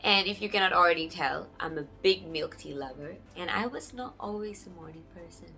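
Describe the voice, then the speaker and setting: A young woman from Sri Lanka, a singer-songwriter, speaking casually to camera in a warm, grateful way. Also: fairly low pitch, brisk, gravelly, soft background music. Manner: warm, grateful, often laughing softly.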